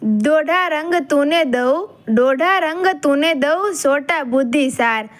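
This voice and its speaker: A woman's voice: sits high, animated, slow pace. A woman voicing a male bard poet who chants verses in a storybook folk tale. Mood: chanting. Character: bold male bard poet begging a gift.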